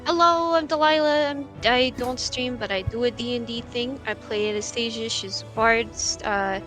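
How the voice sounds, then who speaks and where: A woman's voice: a little high, moderate pace, fairly bright tone, faint music behind. A woman chatting casually as a player in an online tabletop game. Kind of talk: casual chat.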